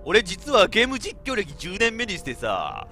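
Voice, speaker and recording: A man's voice: sits high, normal speed, faint music behind. A man with a giving chatty, laughing let's-play commentary as a game streamer. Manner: animated, chatty, laughs often, talks to himself.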